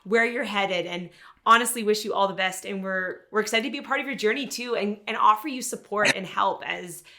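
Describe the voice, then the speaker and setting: Bright-voiced woman co-hosting a podcast. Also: medium pitch, a little fast. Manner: warm, appreciative. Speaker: podcast co-host. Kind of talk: casual interview chat.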